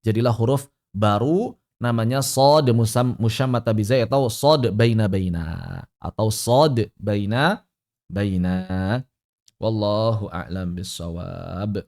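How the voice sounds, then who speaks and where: A man's voice: lowish voice, slow pace, vocal fry, darkish tone. A male teacher giving an online lesson on Quran recitation, explaining patiently and repeating sounds aloud to drill them. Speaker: tajwid teacher.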